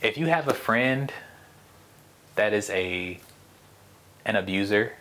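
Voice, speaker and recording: A man's voice: lowish voice, lively intonation, slow, a bit bright. Blunt, profane man talking casually. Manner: blunt, profane, rambling with frequent restarts. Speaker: podcast host. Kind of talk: casual solo podcast monologue.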